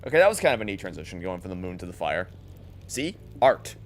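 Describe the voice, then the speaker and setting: A man's voice: low voice, very animated, fast talker, a little hiss or hum. A man streaming live and commenting on a game, rambling and repeating words as he thinks.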